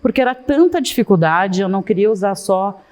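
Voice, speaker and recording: A middle-aged woman, a guest in a casual interview, talking at length and in an animated way with many asides. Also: mid-range voice, brisk. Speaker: guest, fashion consultant.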